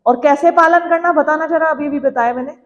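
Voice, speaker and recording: High-voiced woman lecturing a class. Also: brisk, long reverb tail, lo-fi sound. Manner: earnest, preachy, acts out parents' voices. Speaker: teacher.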